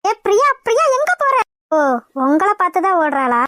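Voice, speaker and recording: A teasing young sister-in-law from a cartoon, voiced by a woman, handing out bossy advice. The voice is squeaky and very high. It sounds dry and close. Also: big pitch swings, moderate pace, pushed and bright, no room sound, soft background music, exaggerated voice.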